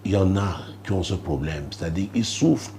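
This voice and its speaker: A man preaching a testimony on a broadcast show, telling a story with dramatic rises and hushed asides. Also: sits low, a little fast, slight background noise. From Cameroon. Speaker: apostle and preacher.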